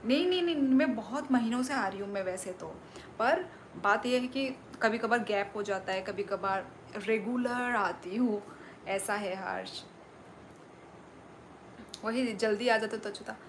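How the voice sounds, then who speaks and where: A woman's voice: medium pitch, a little slow, pauses often, a little hiss or hum. A woman hosting a live stream, chatting casually and reading out viewer messages with frequent exclamations. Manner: reads out viewer messages and super chats, often exclaims. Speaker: livestream host.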